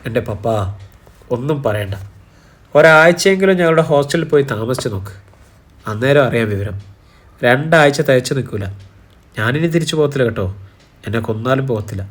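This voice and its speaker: A man voicing an impulsive young woman, a nursing student, who pleads and complains quickly in an audiobook. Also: medium pitch, lively intonation, close to an everyday voice. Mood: complaining.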